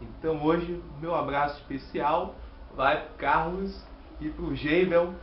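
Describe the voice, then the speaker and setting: A fairly high-voiced man from Bahia with a Bahian Brazilian accent walks through a Bible lesson slowly and earnestly, leaning on key words. His voice sits in a roomy space on a muffled recording with a faint hiss behind it. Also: fairly even intonation. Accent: Bahian Brazilian Portuguese. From Salvador, Bahia, Brazil. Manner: earnest, measured teaching with pauses and emphasis. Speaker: Sabbath School teacher and lay preacher.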